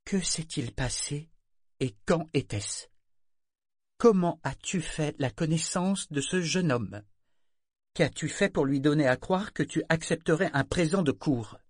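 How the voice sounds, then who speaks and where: A man's voice: a little high, lively intonation, a little slow, no room sound, clean studio sound, pitched above the performer's own voice. A man putting on a raised voice for a worried middle-aged mother who speaks curtly and sharply. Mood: calm firm. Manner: curt, sharp.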